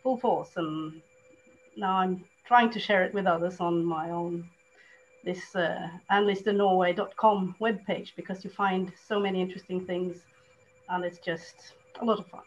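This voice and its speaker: A woman's voice: on the low side, steady tone, normal speed. Woman from Norway on muffled call. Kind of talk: casual panel remarks. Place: indoors, on a video call. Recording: dull, noisy video call.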